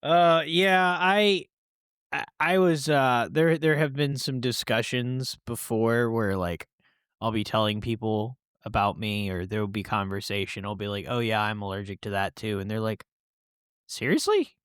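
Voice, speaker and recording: A man's voice: fairly low pitch, fairly even intonation, moderate pace, fairly bright tone, clear, resonant tone, no room sound, clean studio sound. A man co-hosting a podcast in casual banter, rambling and joking, slipping into mock-pompous asides. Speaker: podcast co-host.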